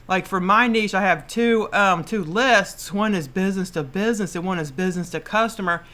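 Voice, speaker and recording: A woman in her late thirties hosts a podcast on her own, offering casual advice that rambles, repeats itself and trips over words. Her voice is medium-pitched and fairly bright, at a normal speed.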